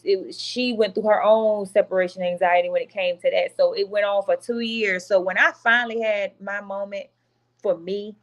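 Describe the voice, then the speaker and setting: A woman's voice: mid-range voice, low-quality recording. A woman guest, a priestess, talking candidly in a casual online chat and laughing easily. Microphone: video call.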